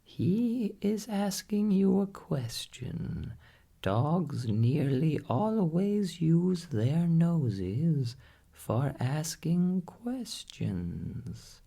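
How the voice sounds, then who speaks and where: A man voicing a knowing female parrot in a bedtime storybook, in a high, patiently instructive voice. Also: big pitch swings, vocal fry, mellow, husky, exaggerated voice. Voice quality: high, falsetto voice. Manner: drawn-out, instructive delivery. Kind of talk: storybook character voice.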